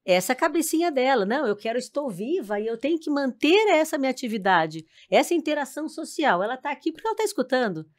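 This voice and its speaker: Measured woman explaining hearing health. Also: high-pitched, big pitch swings. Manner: measured, explanatory, frequent "né?" tags. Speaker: speech and hearing therapist. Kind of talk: explanatory guest chat.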